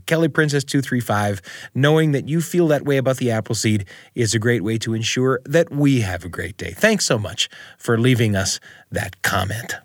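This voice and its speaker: American man, radio host, lively swooping intonation, encouraging, conversational, close dry studio sound, faint music. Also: mid-range voice, no room sound. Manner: appreciative, encouraging. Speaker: radio show and podcast host. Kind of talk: conversational interview and warm sign-off to listeners.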